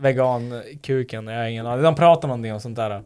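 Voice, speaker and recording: A man's voice: medium pitch, a little mellow, smooth. A man in casual chat who teases and rambles, often restarting his sentences.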